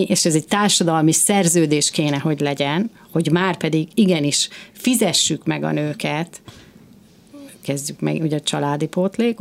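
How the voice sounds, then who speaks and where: A woman hosting a casual discussion, talking passionately and emphatically in quick bursts, a mother of two. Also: sits low, darkish tone.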